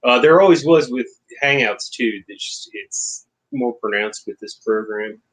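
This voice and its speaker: Man co-host, husky voice, easygoing livestream chatter over a video call. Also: medium pitch, unhurried, fairly bright tone, poor audio. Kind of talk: casual livestream discussion.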